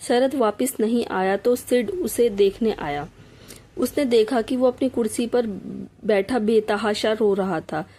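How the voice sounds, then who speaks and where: A woman reading a heartfelt family story aloud as a storyteller, in a steady, emotional reading voice. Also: on the high side, measured pace. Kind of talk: scripted story narration.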